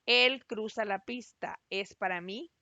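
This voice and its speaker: A woman teacher giving a recorded class, explaining patiently and spelling out syllables slowly. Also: mid-range voice, creaky, bright, forceful tone, no room sound. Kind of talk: recorded online class lesson. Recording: dry, slightly dull lo-fi voice-over.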